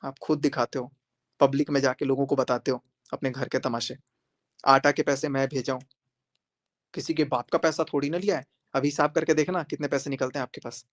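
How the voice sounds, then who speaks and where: A man's voice: medium pitch, steady tone, a little fast. A man speaking on a live stream to his viewers, emphatic and confrontational, repeating his points for force. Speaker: social media creator.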